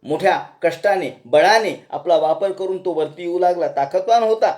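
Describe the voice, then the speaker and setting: A man's voice: sits high, moderate pace, a little mellow. A man giving a devotional discourse, retelling scripture folksily with rhetorical questions and chanted verses. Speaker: scripture storyteller.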